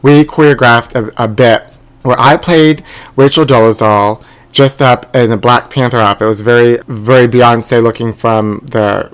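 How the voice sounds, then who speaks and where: A man's voice: mid-range voice, steady tone, moderate pace, clean tone. A man hosting a comedic podcast from inside a closet, chatting in a campy way and calling people honey. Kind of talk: casual comedic chat.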